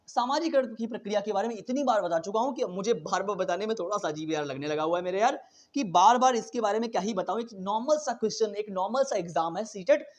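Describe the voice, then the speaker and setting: A man teaching an exam-prep lesson at a very fast pace, chatty and casual, mixing in English terms and often checking in with his students. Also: high voice, a little mellow. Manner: very fast talker, says he cannot slow down.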